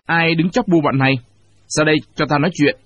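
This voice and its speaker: A man voicing a brave, protective young male cricket who speaks firmly, with a husky voice. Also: on the high side, fairly even intonation, brisk, a bit bright, dry recording. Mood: commanding. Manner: firm, commanding. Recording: dull lo-fi recording.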